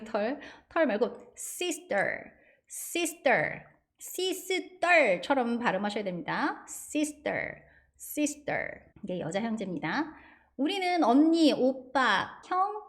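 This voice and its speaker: A Korean-speaking woman teaching an English lesson, patiently drilling words for students to repeat. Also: on the high side. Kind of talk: online English grammar lesson.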